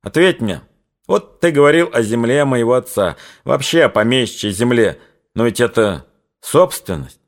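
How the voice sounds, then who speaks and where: A man voicing a quick-tempered Cossack captain who speaks curtly and commandingly, in an audiobook reading. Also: medium pitch, expressive, close to an everyday voice. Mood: stern. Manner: curt, commanding, raises his voice.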